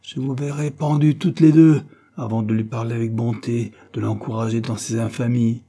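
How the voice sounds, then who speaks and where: A man's voice: medium pitch, fairly even intonation, moderate pace, warm tone, natural voice. A man voicing an angry, gossiping working-class landlady who scolds indignantly, in an audiobook reading. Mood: furious. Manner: indignant, scolding, breathless storytelling.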